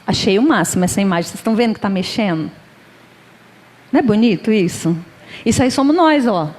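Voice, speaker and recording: A woman's voice: medium pitch, expressive, moderate pace, long pauses, darkish tone. A middle-aged woman with a Brazilian Portuguese accent gives an informal religious lecture, chatty and conversational, laughing often and acting out little everyday dialogues. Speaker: guest speaker at a Spiritist center. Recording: lecture hall with long reverb.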